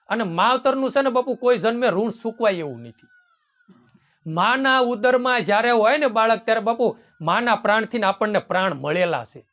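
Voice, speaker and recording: A man's voice: sits high, a bit bright. A man preaching a devotional sermon in a folksy way, often calling his listeners "bapu" and quoting hymn verses. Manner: folksy, keeps addressing listeners as "bapu" and "ram". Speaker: satsang preacher.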